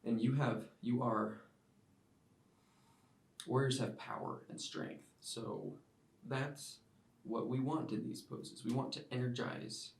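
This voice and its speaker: Guy leading yoga, calm breath cues, echoey room, mic kinda far off. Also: medium pitch, vocal fry. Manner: calm step-by-step cueing with breath counts. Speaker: yoga teacher. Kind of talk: guided yoga class instruction. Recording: roomy sound, mic at a distance.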